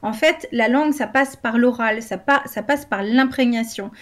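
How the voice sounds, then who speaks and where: Woman, slightly high voice, enthusiastic, long flowing explanations, casual group chat. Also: normal speed. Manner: enthusiastic, talks in long flowing runs with fillers. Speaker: co-host presenting a language-learning project.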